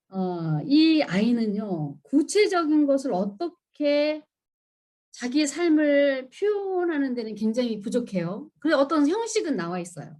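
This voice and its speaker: A middle-aged woman giving a church seminar lecture, emphatic and asking the audience questions. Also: a little mellow. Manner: acts out children and parents in high voices.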